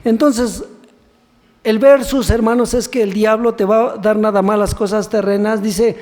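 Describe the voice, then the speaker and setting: A deacon preaches in a church sanctuary with a high, steady, slightly mellow voice that runs a little slow. He keeps posing rhetorical questions and prompts the congregation to finish the verses. Long church reverb follows his voice.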